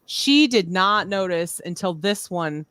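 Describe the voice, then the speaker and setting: A woman's voice: on the low side, expressive, slow, fairly bright tone, clean tone, no room sound, studio quality. A woman in her forties chatting on a podcast, telling teasing stories. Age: 40s. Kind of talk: casual podcast chat.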